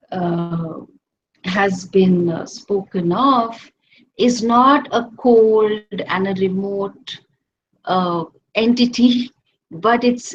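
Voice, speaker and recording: A woman with an Indian accent teaches scripture in a loose, conversational way, pausing on many fillers and briefly acting out the voices she quotes. Her voice sits at an ordinary middle pitch. The recording is slightly dull, with a faint hiss underneath. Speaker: spiritual teacher.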